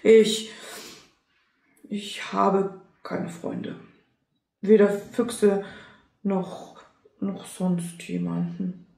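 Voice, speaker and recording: A woman voicing a lonely, sheepish fox who talks softly and hesitantly, with stammers, in a storybook reading. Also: medium pitch, fairly even intonation, very slow, creaky, pauses often. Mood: remorseful. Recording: roomy echo.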